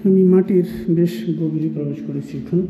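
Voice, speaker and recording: A young man speaks softly as he explores a deep underground bunker, his voice echoing off the chamber walls. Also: steady tone, brisk, phone-quality sound. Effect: cavernous echo off the concrete walls of an underground chamber. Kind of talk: hushed exploration vlog. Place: underground bunker rooms, indoors. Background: music.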